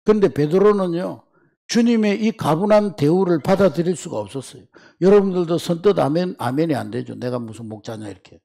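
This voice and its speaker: A man preaches a sermon as pastor, his voice sitting a little high with a gravelly edge. He speaks with emphasis and keeps calling out to the congregation. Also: animated, fairly quick, mellow.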